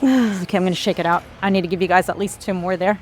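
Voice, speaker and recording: Speaking quickly in a fairly low pitch, a woman fitness vlogger gives casual workout instruction at the gym while doing the moves herself. She's a little out of breath, sighing and exhaling with effort, and soft music plays in the background.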